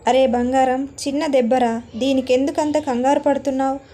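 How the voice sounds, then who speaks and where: A woman's voice: high-pitched, level tone, normal speed, dark tone, close to an everyday voice. Woman voicing a teasing young husband. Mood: fond scolding. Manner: playful, teasing.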